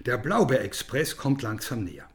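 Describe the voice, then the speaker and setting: A man narrating a children's story in an expressive, storytelling manner. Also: medium pitch, normal speed.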